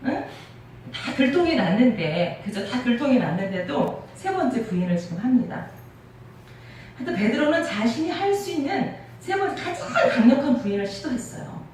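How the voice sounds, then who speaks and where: A woman's voice: mid-range voice, darkish tone. Seoul-born woman pastor preaching in an echoey hall. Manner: crisp, clear-cut delivery with rhetorical questions and occasional laughs. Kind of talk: sermon. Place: church sanctuary. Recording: echoey church hall, mic at a distance, faint noise.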